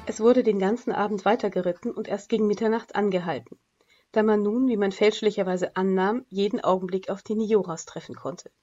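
A woman's voice: mid-range voice, steady tone, brisk, warm tone, faint music behind. Woman narrating an adventure audiobook. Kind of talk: scripted narration. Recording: dull lo-fi recording.

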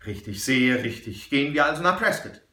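A man voicing an excitable, cheated middle-aged banker who pleads and hesitates with little ums. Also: mid-range voice, fairly quick, reverberant, voice pushed up. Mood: anxious.

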